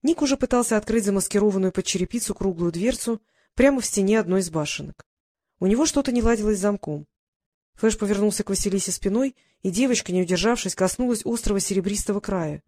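An audiobook narrator with a mid-range voice tells a fantasy tale in an even, steady way. The reading is scripted and moves smoothly between scenes. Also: medium pitch, fast.

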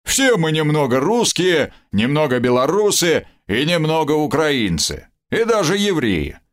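A man voicing a brash, boastful male brawler who talks in a loud swaggering growl. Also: on the high side, very animated, measured pace, pitched above the performer's own voice.

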